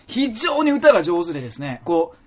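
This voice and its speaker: High-pitched guy hosting a comedy chat, super expressive, talks quick. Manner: animated, laughing storyteller.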